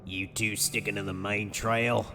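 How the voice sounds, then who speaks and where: A man voicing a gruff older male park ranger who gives slow, grave warnings in a gravelly smoker's rasp. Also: fairly low pitch, level tone, sharp tone. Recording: long reverb with music behind.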